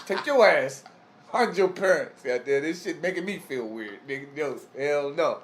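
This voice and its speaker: A man co-hosting a podcast, trading jokes in casual, profane banter. His voice sits a little high for a man. Faint background hiss runs under the talk. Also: expressive, moderate pace. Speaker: podcast co-host. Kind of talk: casual chat.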